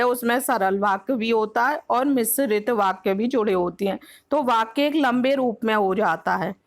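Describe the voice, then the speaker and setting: A woman teacher with a Hindi accent from Uttar Pradesh, explaining grammar for an exam-prep lesson, patiently repeating each point and slipping English words into her Hindi. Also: a little high. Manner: mixes English words like next and example into Hindi.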